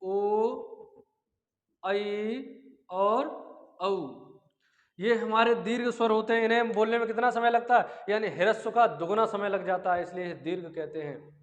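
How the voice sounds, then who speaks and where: In a dull, lo-fi recording made in a room with a long echo, a male teacher delivers an exam-prep grammar lecture. He poses questions and answers them himself, stretching vowels and chanting syllables as examples. His voice is high, with fairly even intonation.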